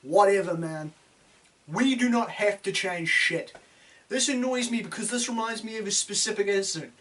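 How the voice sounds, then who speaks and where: A man's voice: high voice, normal speed, fairly bright tone, far from the mic, poor audio. A man with a broad New Zealand accent delivering a blunt, sweary, sardonic opinion rant, full of slang. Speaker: opinion video host.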